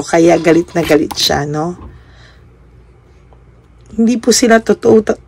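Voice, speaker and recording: A young adult woman reads tarot cards for her listener, speaking politely and slipping English terms into her Tagalog. Her voice has a gravelly, fry-edged texture. The sound is close and dry, with little room around it. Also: on the low side, no echo. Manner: polite, adds a questioning tag after nearly every phrase; mixes Tagalog with English words. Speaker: tarot reader. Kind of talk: tarot reading monologue.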